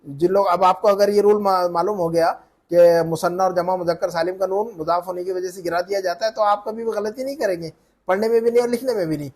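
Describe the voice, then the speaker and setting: A man teaching Arabic grammar in a one-on-one lesson, explaining slowly and repeatedly asking his student questions. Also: sits high, steady tone, darkish tone. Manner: patient, repeats and quizzes the student.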